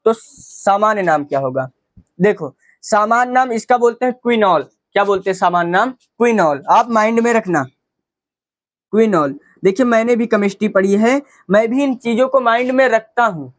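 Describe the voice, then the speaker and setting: A man runs through a chemistry class in a high voice. He poses questions and answers them himself, repeating each term for his students. The sound is close and dry. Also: a little fast, no echo. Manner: repetitive, asks and answers his own questions. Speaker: chemistry teacher. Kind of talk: classroom lecture.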